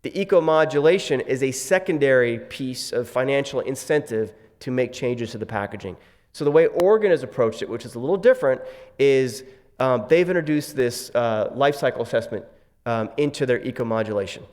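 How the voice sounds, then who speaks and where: A man's voice: mid-range voice, fairly quick, a little mellow. A man giving a conference presentation in a casual way, with many fillers and wry asides. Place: conference session room. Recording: long hall reverb.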